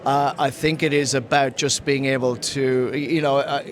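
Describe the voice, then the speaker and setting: He has a mid-range voice, a flat delivery and a moderate pace. Raised in Ghana but speaking with an Irish accent, this mining-industry salesman gives a casual interview amid a busy conference crowd on a trade floor, often restarting sentences as he searches for words.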